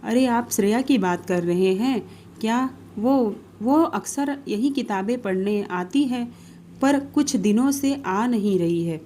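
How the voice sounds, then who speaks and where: A woman's voice: a little high, lively intonation, a little slow, dark tone, a little hiss or hum. A woman voicing a polite, helpful library clerk in a cartoon story.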